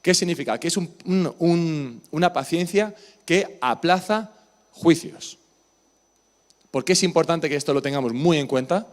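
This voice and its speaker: A male pastor with a Spain Spanish accent delivers a sermon during a church service. His voice sits a little high and his pace is measured, keeping things conversational as he turns to the congregation with questions.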